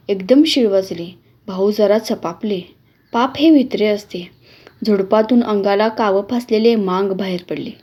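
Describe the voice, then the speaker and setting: A woman reading a classic novel aloud as a storyteller, in an earnest, measured way. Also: mid-range voice, warm tone.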